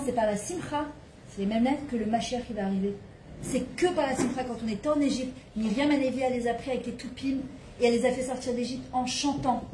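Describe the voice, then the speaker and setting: In a private home, a religious women's teacher passionately addresses a group of women on spiritual matters, asking rhetorical questions along the way. Her voice is high with a dark tone, captured in a rough, reverberant recording with a little hiss or hum.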